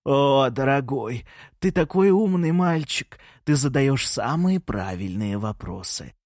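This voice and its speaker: Man doing a theatrical old granny, doting, bossy, slightly raised pitch, dry close sound. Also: expressive, slow, darkish tone, no echo. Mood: doting, teasing. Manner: gushing, teasing, fussy. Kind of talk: audiobook character reading.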